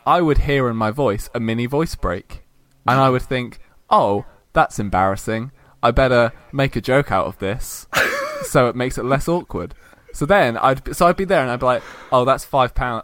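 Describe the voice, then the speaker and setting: A young man chats casually as a podcast co-host, mocking himself with a laugh. His voice sits at an ordinary middle pitch. The recording is dry and close. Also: a bit bright, no echo. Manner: chatty, self-mocking, laughs while talking. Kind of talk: casual chat.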